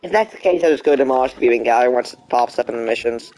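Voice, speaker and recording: A young man streams a game, chatting casually and talking back to it in mock frustration as live commentary. His medium-pitched voice is a little mellow and very fast.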